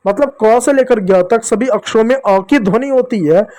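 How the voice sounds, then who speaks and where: A man teaching basic Hindi letters to children, patient and repetitive, sounding out each syllable slowly. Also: extremely high pitch, dark tone. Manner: addresses listeners as children. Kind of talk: classroom lesson for children.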